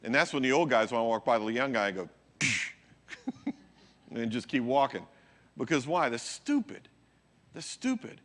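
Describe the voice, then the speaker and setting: A man's voice: mid-range voice, fast, a bit bright. A male pastor preaching a sermon in a conversational way, often checking in with his listeners. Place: church.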